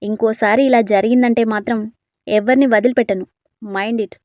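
A woman's voice: fairly high pitch, fairly even intonation, normal speed, a little mellow, no room sound, natural voice. A woman voicing a short-tempered young businessman who gives curt orders. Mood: angry. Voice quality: curt, commanding.

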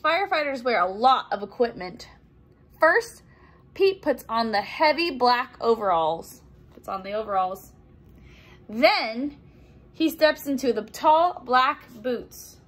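Reading slowly in a slightly high voice, a young woman brings a children's picture book to life. She acts out sound effects and exclamations with animated expression and offers simple explanations as she goes.

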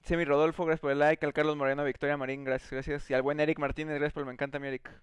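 Streaming a game from his home setup, a man with a Mexican accent chats in a casual, slangy, friendly way and thanks viewers by name. His voice is on the high side with little pitch movement, racing along in a clean tone on a dry recording. Loud in-game gunfire sounds behind him.

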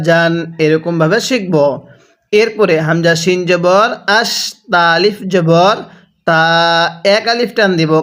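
A man with a Bangladeshi Bengali accent teaching Quran reading, slowly spelling out syllables and repeating each word for the learner. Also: sits high, a bit bright. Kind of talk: spelling-out recitation lesson.

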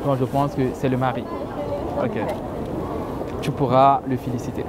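Confident, teasing man, mid-pitched, street chat with loud traffic behind. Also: flat delivery, normal speed, a loud crowd. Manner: confident, teasing, smooth-talking. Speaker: street pickup coach. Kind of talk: casual street approach. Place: busy city street outdoors.

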